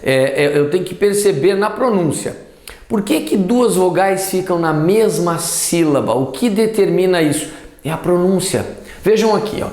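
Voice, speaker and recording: A man teaching a Portuguese grammar lesson, lively, asking and answering his own questions as he explains. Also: high voice, reverberant. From southern Brazil. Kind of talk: classroom lesson.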